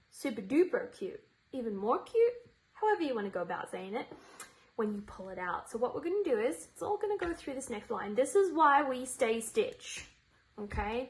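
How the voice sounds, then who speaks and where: Lively high-pitched woman giving a craft tutorial. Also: slight background noise, rough recording. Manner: chatty, playful, talks viewers through each step. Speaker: sewing tutorial host. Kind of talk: informal step-by-step craft demonstration.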